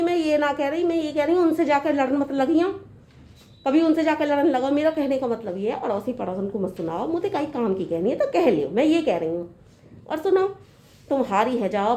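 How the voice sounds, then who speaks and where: An earnest young daughter-in-law, played by a woman, lectures her mother-in-law in a fairly high voice. She reasons patiently and at length. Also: expressive, normal speed, dark tone. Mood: pleading. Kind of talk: comedy sketch acting.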